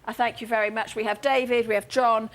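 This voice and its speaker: A woman's voice: on the high side, fairly even intonation, fast. A woman shopping channel presenter interviewing guests, effusive, admiring and encouraging as she talks. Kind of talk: live TV studio interview.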